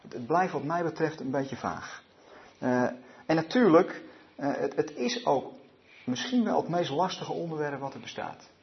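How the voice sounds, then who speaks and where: A man's voice: a little high, expressive. A man leading a Bible study evening, reading scripture aloud and talking it over with many hesitant fillers and restarts. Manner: reads scripture aloud in a measured tone. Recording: dull lo-fi recording.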